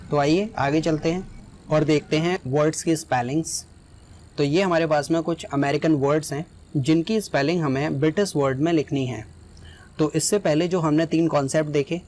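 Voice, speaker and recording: Guy teaching a class, kinda high voice, keeps asking "right?" to check you follow. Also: a little mellow. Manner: explanatory, often checks in with "right?". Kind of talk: explaining a lesson.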